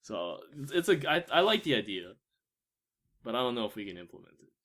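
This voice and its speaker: A man's voice: mid-range voice, big pitch swings, a little fast, a bit bright. A man co-hosting a casual fan podcast, laid-back and wry. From United States. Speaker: podcast co-host.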